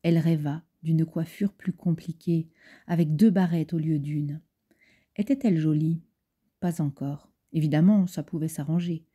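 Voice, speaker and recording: A woman narrating a novel as an audiobook in a measured, even reading. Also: sits low, husky. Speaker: audiobook reader. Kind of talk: scripted narration.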